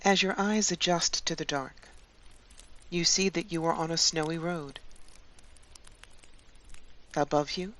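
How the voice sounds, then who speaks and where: Slow, soothing woman guiding a meditation. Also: lowish voice. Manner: slow, calm, soothing delivery with long pauses. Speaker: meditation guide and channel host. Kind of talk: guided meditation narration.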